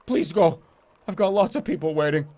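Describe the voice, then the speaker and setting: A man's voice: high voice, expressive, normal speed, mellow, voice pushed up. A man voicing a squat, ugly, fearful fortune-teller creature in a game, hesitant and evasive, repeating himself plaintively. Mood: panicked, pleading. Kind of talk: game character dialogue read aloud.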